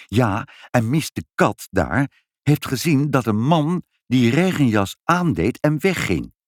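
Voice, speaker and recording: A fussy, chatty storybook mother, voiced by a man reading aloud. She fusses along with a lively, animated pitch. Dry, close recording. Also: slow pace, dry recording. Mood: gossipy.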